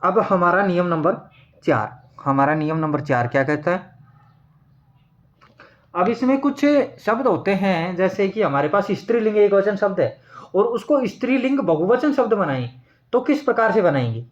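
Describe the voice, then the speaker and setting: A man teaching Hindi grammar, repeating each word slowly and answering his own questions as he writes. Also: sits high, lively intonation, muffled recording. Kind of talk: classroom lesson at a board.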